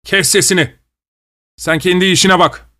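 Brief: gruff, quick-tempered baker in a spoken-word story, snappish and blunt, played by the male narrator; dry recording. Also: mid-range voice, sing-song, dry recording, lightly acted. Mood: angry. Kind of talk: audiobook dialogue reading.

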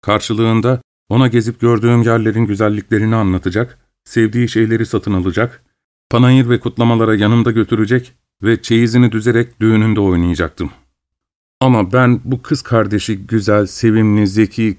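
A man reading a novel aloud in measured first-person narration. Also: lowish voice, a little mellow. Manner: measured, literary storytelling. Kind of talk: scripted audiobook narration.

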